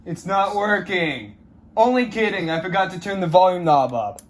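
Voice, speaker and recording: This unboxing host shows off a radio from his room, keeping things jokey as he talks to his audience and friends. His voice is high, with lively intonation and a normal speed.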